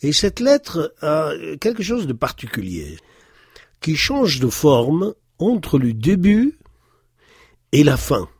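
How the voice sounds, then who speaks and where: A man teaches a language lesson, speaking slowly and pausing often to find his words. His husky voice rises and falls in a lively way as he repeats words to model their sound. The recording is dry and close. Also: fairly high pitch, no echo. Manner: slow, patient explanation with frequent hesitations. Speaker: Arabic teacher.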